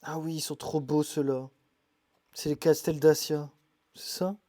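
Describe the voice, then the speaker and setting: A man live-streaming as he sorts his isopod boxes, muttering asides with quick bursts of excitement. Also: on the high side, dry recording, clean studio sound. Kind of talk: casual live-stream chat while handling animals.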